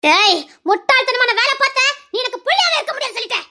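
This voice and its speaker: An actress with a Tirunelveli Tamil accent playing a sharp-tongued, scolding mother in a family drama. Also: extremely high pitch, expressive, fast, heavily acted. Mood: stern. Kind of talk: dramatic serial acting.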